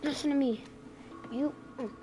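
A woman streaming a survival game, chatting casually to herself with excitable reactions and mild cursing. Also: high voice, normal speed, music in the background. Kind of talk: casual gameplay commentary.

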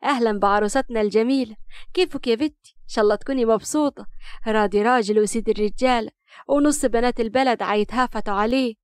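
A woman voicing a doting older aunt with an Upper Egyptian accent, praising and warm. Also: on the high side, quick pace, smooth, dry recording, clean studio sound, close to an everyday voice. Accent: Upper Egyptian Arabic.

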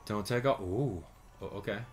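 A man's voice: on the low side, normal speed, soft background music. A man in his thirties hosting a video game livestream, chatting casually and animatedly with his viewers. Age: 30s. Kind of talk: casual gaming livestream commentary. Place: indoor streaming setup.

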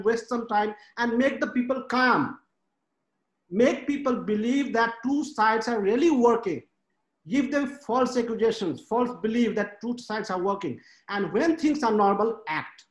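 A man in his thirties from Nepal speaks as a panelist on a webinar, frank and emphatic, counting off his points one by one. His voice sits high. He talks into a laptop webcam in a home study, and the room adds a noticeable echo. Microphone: laptop webcam on a video call. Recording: echoey room on a video call.

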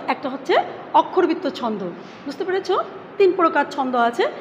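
High-voiced woman teacher, echoey lo-fi. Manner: explains step by step with frequent questions to students; sounds out syllables slowly. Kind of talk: online class lecture. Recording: dull lo-fi sound with long reverb and faint noise.

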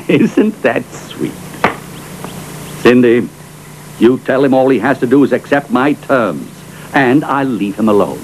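A man's voice: mid-range voice, animated, takes it slowly, long pauses, background noise. A pompous aristocratic father. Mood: scornful. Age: middle-aged. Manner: pompous, sneering. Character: haughty rich aristocratic father, scornful and sly. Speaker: wealthy father. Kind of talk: dubbed film acting.

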